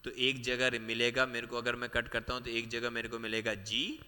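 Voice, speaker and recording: Guy teaching biology for exam prep, really bright sharp voice, repeats stuff a lot, quizzes the class, big reverby hall. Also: medium pitch, little pitch movement, clean tone. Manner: explains step by step, mixing Hindi with English terms; repeats key points, asks students quick questions.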